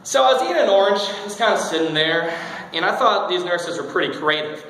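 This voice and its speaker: Young guy in his 20s giving a funny self-deprecating speech, kinda high voice, big echoey hall. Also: lively intonation, fairly quick, sharp tone. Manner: joking, self-deprecating storyteller. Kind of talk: humorous personal speech. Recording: very echoey hall, faint noise.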